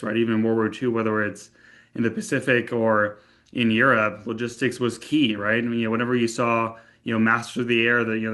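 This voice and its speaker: The tech company co-founder, a young man from Austria, has a mid-range, slightly bright voice. Guesting on a casual podcast interview, he talks things over in a conversational way, with frequent fillers and restarts.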